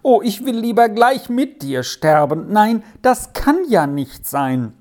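A woman's voice: rumbling low, sing-song, unhurried, a little mellow, husky, heavily acted. A woman voicing a tender-hearted young goatherd boy in a storybook reading, talking in an earnest, pleading, childlike way.

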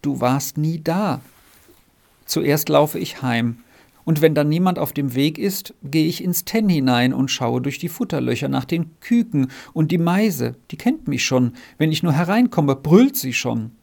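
A man's voice: fairly high pitch, expressive, a little slow, gravelly, a little mellow, exaggerated voice. A man reading aloud voices a homesick, miserable boy who groans in despair in a storybook.

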